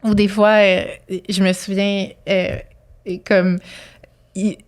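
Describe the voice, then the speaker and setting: Flat-toned Québécois woman telling stories. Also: medium pitch, slow pace, clear, resonant tone. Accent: Québécois French. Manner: chatty, laughs often, trails off and restarts. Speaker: colorectal surgeon guest. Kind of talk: casual interview storytelling.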